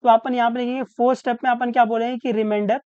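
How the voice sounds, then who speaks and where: A woman teaching maths step by step, asking questions and answering them herself, and slowly dictating each formula. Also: fairly high pitch, level tone, darkish tone, smooth, no echo. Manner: asks questions then answers them, often adds "isn't it?". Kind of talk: step-by-step lesson while writing. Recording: dull, muffled sound.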